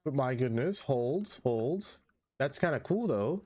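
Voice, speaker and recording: With a blocked nose and a mid-range voice, this game streamer talks slowly but stays chatty and excitable, calling out viewers by name in casual livestream chat. There's no echo on the recording.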